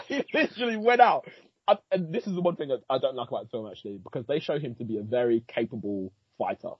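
Man, podcast co-host, casual film review, husky, swears a lot, animated, dry dull lo-fi audio. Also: medium pitch, rapid-fire, hardly any pauses, dry recording. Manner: animated, swears freely, laughs often.

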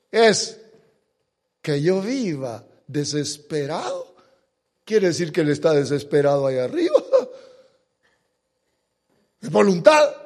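A man preaching a sermon, pressing points with rhetorical questions and drawing out the words he stresses. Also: high voice. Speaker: pastor. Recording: long hall reverb.

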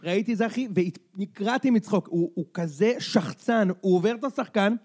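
A man co-hosting a casual sports podcast, excitable and quick to jump in. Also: high-pitched. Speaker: podcast co-host.

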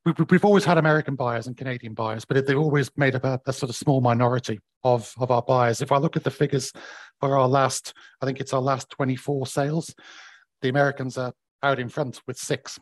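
A man speaks with a croaky, hoarse voice that is still recovering from bruised vocal cords. He explains things conversationally, a little haltingly, as an executive in an interview. The sound is dry and close, with little room on it. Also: mid-range voice, fairly even intonation, no echo. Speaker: property company managing director, interviewee. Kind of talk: conversational market update interview.

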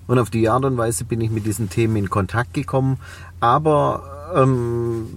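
Unhurried, with lively intonation in a mid-range voice, a man is recorded from a distance. The Swabian-accented guest, a cleaning company owner in his forties, reflects during a podcast interview and uses many fillers.

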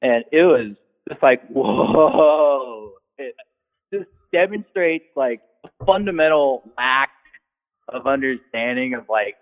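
A man telling a rambling, animated work story in casual chat, full of fillers and restarts. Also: medium pitch, measured pace. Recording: tinny phone-like sound.

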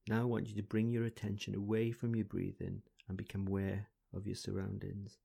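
A man leading a guided breathing exercise in a slow, soothing, deliberate voice, counting breaths. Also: lowish voice, monotone, vocal fry, dark tone, husky. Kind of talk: calm guided relaxation exercise.

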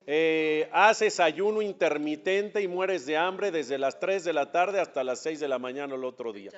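A male rabbi teaching a religious class, his voice sitting a little high for a man. He talks to his students directly and throws out questions he answers himself. The recording sounds dull and lo-fi. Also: unhurried. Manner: conversational, addresses students directly.

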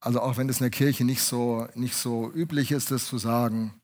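A man preaching a sermon, speaking straight to his congregation, swinging between loud urging and hushed, soft phrases. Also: medium pitch, steady tone, normal speed.

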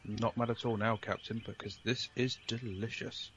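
A man's voice: fairly low pitch, little pitch movement, normal speed, noisy background. A man co-hosting a podcast, joking and punning in casual chat. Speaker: podcast co-host.

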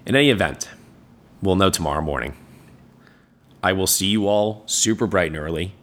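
A man's voice: low voice, moderate pace, a bit bright. A man with a hungover voice hosting a podcast, casual and hesitant as he wraps up the show. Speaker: podcast host.

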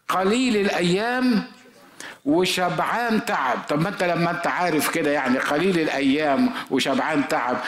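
A man's voice: fairly high pitch, reverberant. A man preaching a sermon as a pastor with an Egyptian Arabic accent, telling stories in a conversational way and asking his listeners rhetorical questions.

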